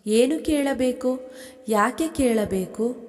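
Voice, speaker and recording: A young wife sunk in grief turns bitter accusations on her husband between sobs, read by a woman narrator. The voice is dark and unhurried, with a long hall reverb trailing each line. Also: high-pitched, animated, faint music behind.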